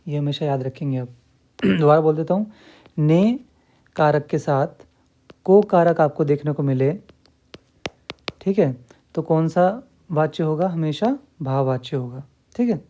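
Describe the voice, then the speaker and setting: Male teacher, mellow tone, dull lo-fi sound, repeats every rule and keeps checking that the class follows. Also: a little high. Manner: repeats key points, asks and answers own questions; checks in often with the listener. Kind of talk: grammar lesson.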